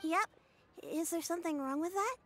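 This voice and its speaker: A woman's voice: extremely high pitch, moderate pace, heavy background noise. A woman voicing a cheerful, brave young girl who cares for her grandmother, upbeat and reassuring. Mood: lively.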